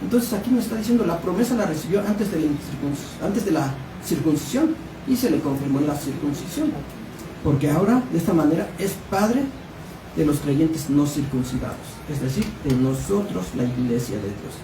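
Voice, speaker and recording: A man from Mexico leads a Bible study sermon in a church hall, reading scripture and putting questions to the congregation. His voice is on the high side, fairly quick, with lively intonation. The mic is distant, the room echoey, and there's background noise.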